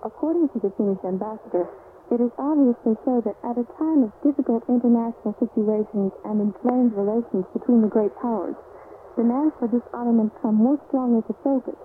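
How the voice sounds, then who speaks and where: A female news presenter with a fairly high voice reads her bulletin in a crisp, steady way. Her voice reaches the listener through fading shortwave radio. It sounds narrow and thin, with a faint layer of static underneath. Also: fairly quick. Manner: crisp, even newsreader delivery. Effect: fading shortwave radio reception. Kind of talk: scripted news reading.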